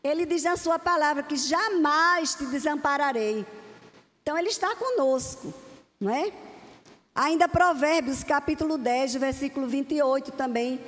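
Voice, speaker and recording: A woman's voice: high voice, moderate pace, a bit bright. A woman preacher delivering a sermon to a congregation in an earnest, repeating cadence. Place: church hall. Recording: long hall reverb.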